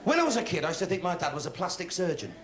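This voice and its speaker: A man's voice: sits high, sing-song, very fast, a crowd in the background. A man from England with a West Country accent, telling stand-up stories live on stage and switching voices for each character. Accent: English West Country. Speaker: stand-up comedian. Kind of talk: stand-up comedy set. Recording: echoey live hall with faint noise.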